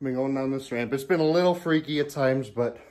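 A man's voice: mid-range voice, brisk, a little mellow, a little hiss or hum. A man in a casual home vlog, talking from his garage into a handheld camera, rambling with lots of ums and restarts and a bit out of breath. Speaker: vlogger.

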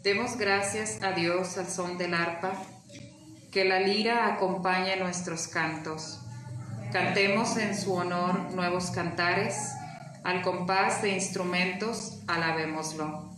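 A woman lector reading the psalm in a measured, solemn way, heard with cathedral echo. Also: lowish voice, fairly even intonation. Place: large church. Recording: cathedral echo, distant mic, noise.

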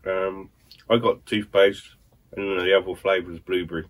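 A man's voice: sits low, fairly even intonation, moderate pace. A British man in his thirties bantering casually and chattily while eating jelly beans. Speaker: challenge host. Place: indoor room, seated at a small table.

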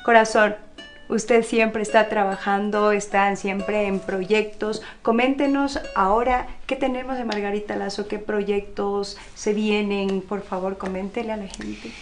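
A woman hosting a television interview, asking questions in an animated, affectionate way. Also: medium pitch, measured pace, faint music behind. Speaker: host.

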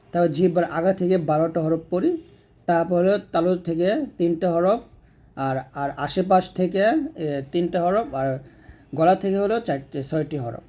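A man teaching Quran reading, patiently drilling letter sounds slowly one by one. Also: a little high, mellow. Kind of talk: recitation lesson.

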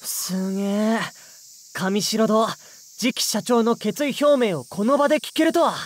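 A woman voicing a brash, cheeky teenage schoolboy in a visual novel game, with rough, slangy, clowning speech. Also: fairly high pitch, unhurried, lightly acted. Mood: brash, joking. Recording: music under the voice.

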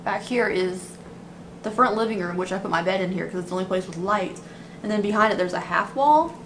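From a small, dim apartment room, a twenty-something beauty vlogger rants casually to camera, complaining at length. Her voice is medium-pitched and a little fast, and the room recording is clearly noisy.

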